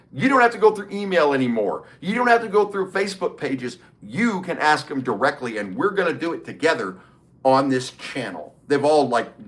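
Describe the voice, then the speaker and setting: A middle-aged man hosts a casual livestream, chatting with viewers by reading their comments aloud and answering them. His voice is on the high side with a fairly bright tone.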